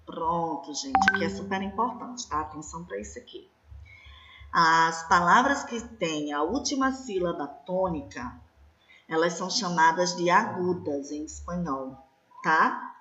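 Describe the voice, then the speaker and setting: A woman teacher giving an online slide lesson, slow and patient, often checking in with her class. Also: lowish voice, muffled recording, a crowd in the background. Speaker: Spanish teacher.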